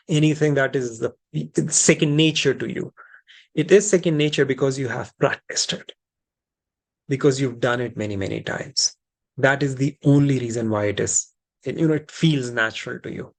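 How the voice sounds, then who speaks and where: A man with or as his language leads an informal group session as a hypnosis practitioner. He explains things reassuringly, often repeating and rephrasing his key phrases, at a middling pitch. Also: moderate pace, gravelly. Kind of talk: informal teaching and question session, switching between two languages.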